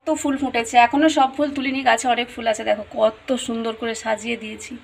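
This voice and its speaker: A woman's voice: a little high, fairly even intonation, fast, creaky, reverberant. A woman chatting through a casual cooking vlog in her home kitchen, often checking in with viewers. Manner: chatty, keeps asking "right?". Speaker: vlogger. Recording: noisy home recording.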